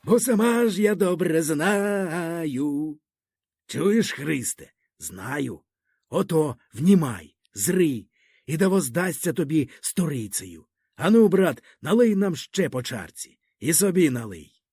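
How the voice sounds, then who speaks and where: A man's voice: on the high side, sing-song, takes it slowly, vocal fry, dark tone, husky, no echo, studio quality, full character voice. A man voicing a drunk old village grandfather who slurs, drawls and preaches in old church phrases. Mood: boisterous.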